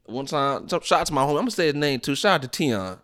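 A young man co-hosting a podcast, telling stories in an excitable, laughing way. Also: on the high side, quick pace. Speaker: podcast co-host. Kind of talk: casual chat.

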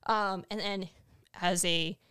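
A woman co-hosting a casual political podcast, talking in an animated, rambling way with many restarts. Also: mid-range voice, slow, clean tone, dry recording, clean studio sound. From Latin America. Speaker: podcast co-host.

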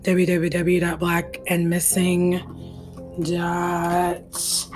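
The woman co-hosting this casual true-crime podcast speaks very slowly and in a monotone, her voice on the low side, darkish, and hoarse as she loses it. She is still earnest, chatty, and quick to laugh, with soft music in the background.

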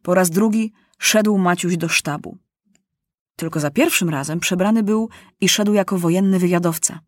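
A woman narrating a children's storybook aloud, animated and acting out the characters. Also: fairly low pitch, moderate pace, dry recording, clean studio sound.

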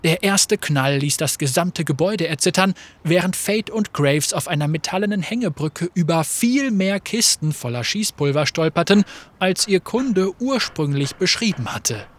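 A man narrating a story in a lively, expressive scripted reading. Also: high voice, normal speed. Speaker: audiobook narrator.

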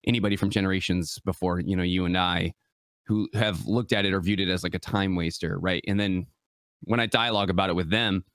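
Young man, very deep voice, West Michigan, casual and earnest guest, dry close recording. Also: a little fast, dry recording. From West Michigan, USA. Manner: relaxed, earnest, many fillers like "you know". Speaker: guest, gaming preacher. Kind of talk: casual interview conversation.

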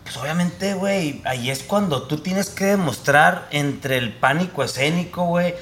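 A man's voice: fairly high pitch, normal speed, a bit bright, a little hiss or hum. A young man with a Mexican Spanish accent, a producer and director guesting on a podcast, talking in a rambling, slangy way and laughing often. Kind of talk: casual podcast chat.

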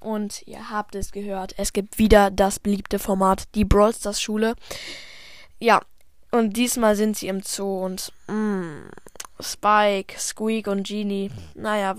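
A woman's voice: medium pitch, no room sound, studio quality. A woman hosting a podcast and narrating a story, in a casual, stumbling manner.

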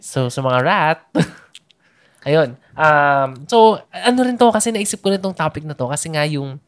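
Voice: mid-range voice, lively intonation, unhurried, clear, resonant tone. A young adult host from the Philippines, casually chatting on a podcast, rambling with lots of fillers and laughs.

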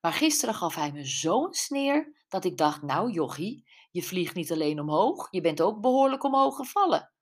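Woman reader as brash gossiping canteen lady, husky and lowish, blunt delivery. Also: sing-song, normal speed, hardly any pauses. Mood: gossipy. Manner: blunt, chatty.

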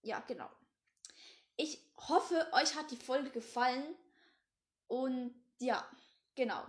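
A woman's voice: high-pitched, slow pace. A teenage girl reading a novel aloud, often stumbling and restarting words, and chatting casually with her viewers between passages. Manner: casual rambling outro. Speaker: reader.

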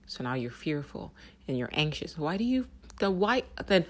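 A vlogger giving an intense spiritual monologue with casual swearing, often dropping into soft whispers. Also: medium pitch, very animated, normal speed, a little hiss or hum. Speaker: self-help vlogger.

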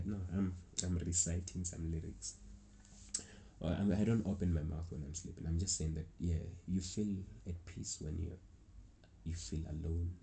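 A young South African man, a travel vlogger, tells a wandering travel story casually in his South African accent, often restarting and chuckling. His voice is low, creaky and warm, with a slight hiss or hum behind it.

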